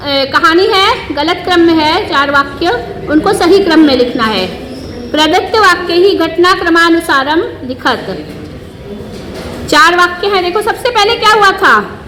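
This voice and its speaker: A woman's voice: very high voice, bright, forceful tone, long reverb tail, a little hiss or hum. A woman teacher giving a patient exam revision lesson, asking the class questions as she explains.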